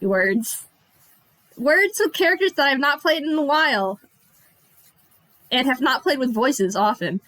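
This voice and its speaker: A woman playing a tabletop game, speaking in a halting way and correcting herself as she goes. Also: high voice, lively intonation, bright, forceful tone, dry recording, low-quality recording. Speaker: player.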